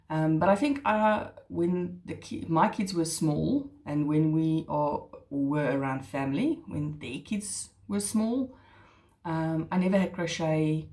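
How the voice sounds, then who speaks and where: A middle-aged Afrikaans-speaking woman hosts her crochet channel, chatting casually in a self-deprecating way with hesitant restarts. Her voice is low and a little mellow.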